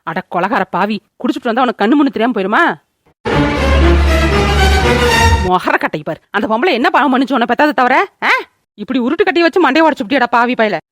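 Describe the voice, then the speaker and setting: A woman voicing a sharp-tongued village woman neighbour, bossy and scolding. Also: a little high, expressive, faint music behind. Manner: scolding, bossy, rapid-fire. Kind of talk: cartoon voice acting.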